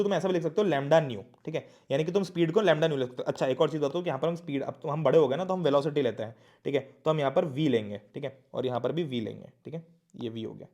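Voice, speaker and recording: A man's voice: on the high side, darkish tone. A young man teaching an online class, chatty and often asking his students questions.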